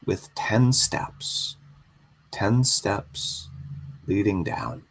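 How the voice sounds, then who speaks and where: A man guiding a slow hypnosis induction, soothing and repetitive. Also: low-pitched, a bit bright, poor audio.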